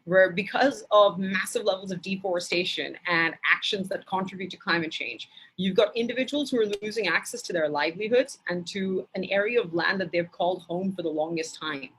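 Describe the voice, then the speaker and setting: A woman from Bangladesh giving an academic lecture in a measured way, with frequent hesitation fillers. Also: lowish voice, a bit bright, a little hiss or hum, rough recording.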